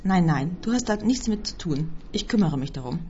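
A woman's voice: fairly low pitch, lively intonation, moderate pace, warm tone, slight background noise, lightly acted. A woman reading as a possessive, controlling husband. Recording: dull lo-fi recording.

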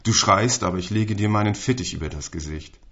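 A man reading a literary text aloud in a measured, solemn way. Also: fairly low pitch, a bit bright. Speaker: reader. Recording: dull lo-fi recording.

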